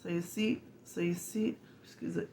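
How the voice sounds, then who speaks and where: A woman from Quebec with a Québécois accent, hosting a casual unboxing vlog, halting and apologetic, full of fillers and restarts. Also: fairly low pitch, fairly even intonation, warm tone, slight background noise. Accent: Québécois French. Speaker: channel host.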